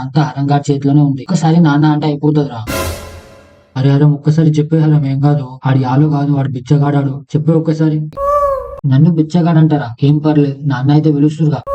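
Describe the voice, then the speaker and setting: A man's voice: on the high side, highs cut off. A man voicing crude, rowdy banter between friends in a comic cartoon. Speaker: cartoon comedy voice artist.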